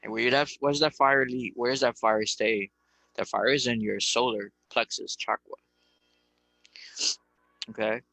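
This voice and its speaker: A man delivers a casual spiritual lecture in a gravelly, forceful voice. He hammers his points home with repeated rhetorical questions and casual swearing. The sound is dry and close, with no room around it. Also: mid-range voice, fairly even intonation, moderate pace, pauses often, dry recording, faint music behind, rough recording.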